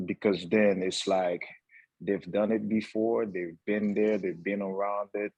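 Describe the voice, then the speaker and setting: A young man from Haiti speaks earnestly as a talk-show guest, his voice very low and slightly husky. He pauses often and fills gaps with "uh" and "you know." The sound is close and dry. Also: steady tone, darkish tone, dry recording, highs cut off. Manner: earnest, halting, many fillers. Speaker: guest entrepreneur. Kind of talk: casual talk-show conversation.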